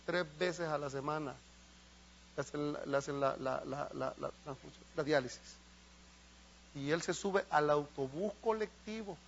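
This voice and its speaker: Impassioned pastor, high voice. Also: male voice, a bit bright, muffled recording. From El Salvador. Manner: impassioned, asks the congregation questions. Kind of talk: sermon. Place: church.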